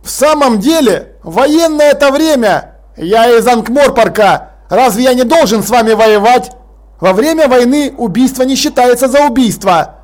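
Brief: man reading a blunt, commanding police chief, high-voiced. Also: animated, normal speed. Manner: dry, commanding. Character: gruff stubborn male city watch commander.

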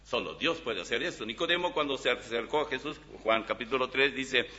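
A man preaching a sermon in Spanish and reading Bible passages aloud, with emphatic swings in loudness. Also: medium pitch, lively intonation, brisk. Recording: dull reverberant hall recording.

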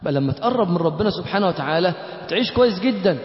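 A man with an Egyptian accent giving a colloquial sermon. He questions the congregation directly, swinging between loud, emphatic lines and soft, slow chanted recitation. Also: high voice, animated. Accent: Egyptian Arabic. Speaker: preacher. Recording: echoey hall, dull lo-fi sound.

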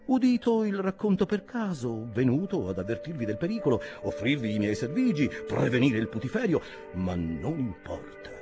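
A man's voice: mid-range voice, big pitch swings, normal speed, music in the background, pitched above the performer's own voice, natural voice. A man reading an audiobook, voicing a scheming swindler who talks in clipped, staccato phrases with melodramatic flair. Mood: smooth. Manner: theatrical, melodramatic. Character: smooth-talking scheming adult male swindler.

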